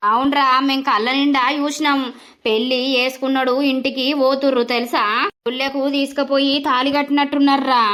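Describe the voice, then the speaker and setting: A woman's voice: sits high, flat delivery, a little fast, fairly bright tone. Woman doing a loyal young village pal. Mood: reassuring. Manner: brash, reassuring. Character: loyal young male village friend, reassuring. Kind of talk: village cartoon voice acting.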